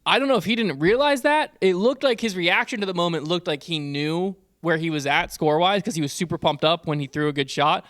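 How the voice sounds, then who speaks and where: A man co-hosting a casual sports podcast, talking in an animated, rambling way with fillers. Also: high voice, a little fast, few pauses, no room sound, studio quality. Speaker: podcast co-host. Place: podcast studio. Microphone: studio podcast mic.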